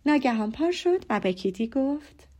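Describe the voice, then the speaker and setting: A woman narrating a classic novel as an audiobook in a calm, measured storytelling manner. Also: high voice. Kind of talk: scripted narration.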